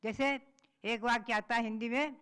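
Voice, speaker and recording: A woman's voice: fairly high pitch, fairly even intonation, moderate pace, fairly bright tone, clear, resonant tone. A woman, a Jain nun, giving a patient religious discourse, reciting verses and then explaining them.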